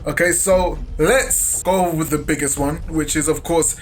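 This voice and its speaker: A man's voice: a little high, fairly even intonation, a little slow, a little hiss or hum. A young man in his twenties with a Jamaican accent, chatting playfully in a sing-song way as he talks through a home video. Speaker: vlogger. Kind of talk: casual video commentary.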